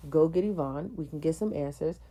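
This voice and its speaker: A woman talking casually about a film on a podcast, lively, acting out scenes in raised voices and filling pauses with mm-hmms. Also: low voice. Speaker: podcast panelist.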